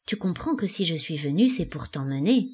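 A woman voicing a calm, mysterious male stranger in a dramatic play reading, low, muted and impassive. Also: normal speed, slightly rough, exaggerated voice.

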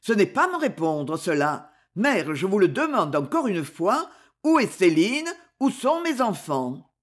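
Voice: mid-range voice, sing-song, measured pace. A reader playing a grown son back home from far away, pressing his mother with urgent, raised questions. The voice rises and falls a lot in a read-aloud novel. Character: man returning home, son and husband, desperate.

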